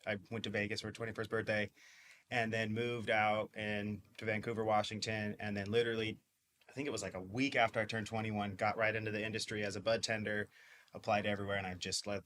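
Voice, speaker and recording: Low-pitched and sharp in tone, this man is a podcast guest in his twenties who owns a dispensary and comes from Mississippi. In the casual interview he rambles cheerfully, filling his talk with fillers.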